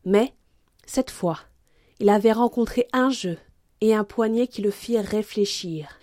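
A woman reading aloud in a steady, clear voice, mixing a storybook passage with children's book text. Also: mid-range voice, a little slow, no echo, clean studio sound. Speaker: reader.

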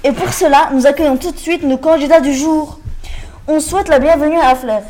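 A woman's voice: high voice, fairly even intonation, brisk, darkish tone. A woman presenting a scripted school radio quiz as its host. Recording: very noisy amateur recording.

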